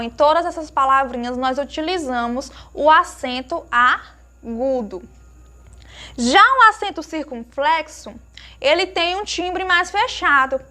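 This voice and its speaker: High bright-voiced woman teaching children. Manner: slow emphatic sounding-out of words; warm diminutives, asks pupils questions. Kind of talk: children's lesson.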